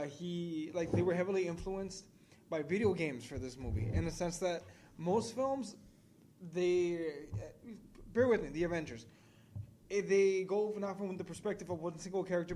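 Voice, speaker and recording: A man's voice: on the high side, normal speed, warm tone, slight background noise. A young man co-hosting a casual film podcast, joking and teasing his co-host in a crude way.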